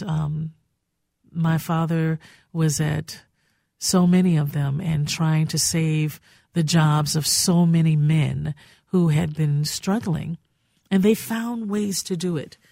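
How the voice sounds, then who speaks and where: An older woman hosts a radio talk show from a studio, telling heartfelt, reminiscing stories in a fairly low, warm voice with vocal fry. The sound is close and dry, with no echo or room sound.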